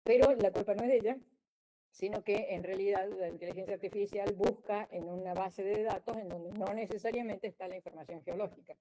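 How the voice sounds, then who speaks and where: A woman's voice: medium pitch, steady tone, fairly quick, warm tone, rough recording. A woman giving a conference lecture as a geologist, explaining in a wry way with frequent restarts. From Argentina.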